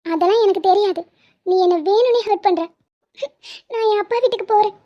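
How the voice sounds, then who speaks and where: A woman voicing a shrill jealous cartoon wife. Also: brisk, dry recording. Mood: sulky. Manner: whiny, accusing, theatrical. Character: jealous young wife, dramatic and sulky. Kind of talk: animated comedy dub. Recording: dull lo-fi sound.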